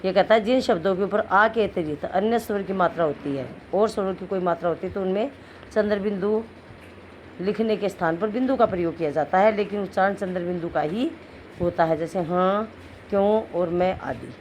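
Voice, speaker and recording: A woman teacher explaining a lesson to children, drawing out syllables slowly as she goes through each word. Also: medium pitch, a little mellow. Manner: slow, explaining, drawn-out syllables. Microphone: phone. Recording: screen-recorded phone audio with faint noise.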